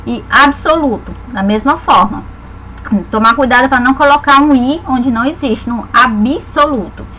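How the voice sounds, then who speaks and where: A woman's voice: high-pitched, moderate pace, pushed and bright, a little hiss or hum, rough recording. A Brazilian woman teaching a grammar lesson, explaining patiently and spelling words out syllable by syllable.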